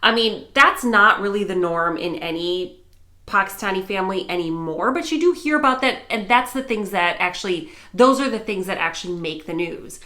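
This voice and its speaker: Talking to camera for her personal vlog, an American woman in middle age, who works as a vlogger and news anchor, sounds animated in a medium pitch at a normal pace. Her warm storytelling comes across as both earnest and enthusiastic.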